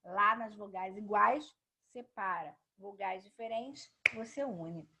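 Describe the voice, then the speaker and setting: A woman teaches a grammar lesson in an emphatic, explanatory way. She leans hard on key words and answers the questions she poses herself. Her voice sits at a medium pitch. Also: slow pace, background noise.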